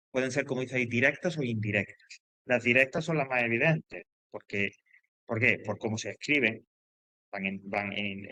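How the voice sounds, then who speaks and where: A man's voice: medium pitch, a bit bright, no echo. A man teaching a grammar lesson, explaining with repetition and frequent check-ins with his students. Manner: loose, hesitant phrasing with fillers and restarts.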